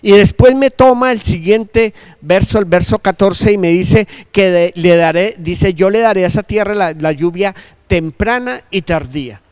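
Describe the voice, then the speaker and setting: Male pastor, high smooth voice, measured scripture reading, dry sound. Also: no echo.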